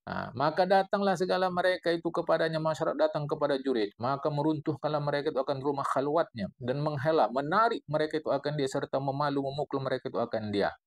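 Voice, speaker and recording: A man with a Medan Malay accent teaching a classical religious text, explaining it in a lively, digressive way with playful wordplay. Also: on the high side, fast. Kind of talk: classical Islamic text study lesson.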